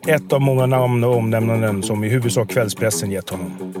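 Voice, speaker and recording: A man narrating a scripted, measured introduction. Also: lowish voice, fairly even intonation. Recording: narration over loud music. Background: loud music.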